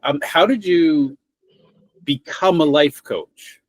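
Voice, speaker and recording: A man's voice: on the high side, slow pace, no echo. A man hosting a podcast interview, upbeat and friendly, laughing easily between questions. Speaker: podcast host. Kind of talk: casual interview talk.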